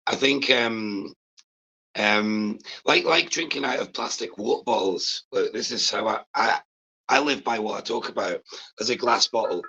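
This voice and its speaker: A man in his forties with a raspy smoker's voice, chatting casually and matily as a guest caller. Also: on the low side, moderate pace, bright, forceful tone, low-quality recording. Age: 40s. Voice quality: smoker's rasp. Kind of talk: casual chat.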